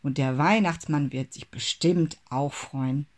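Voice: mid-range voice, a little slow, close to an everyday voice. A narrator voicing a kind, eager young rabbit boy in a storybook reading. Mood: earnest.

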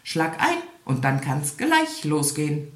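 A woman voicing a haughty, mocking male hare in a storybook reading, loud and drawn out. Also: low-pitched, big pitch swings, slow pace, full character voice. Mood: scornful. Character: scornful haughty male hare, fast runner. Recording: echoey room.

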